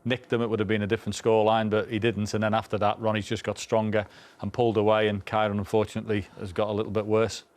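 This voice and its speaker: A man's voice: on the low side, monotone, fast, hardly any pauses. A man offering conversational sports analysis as a studio pundit.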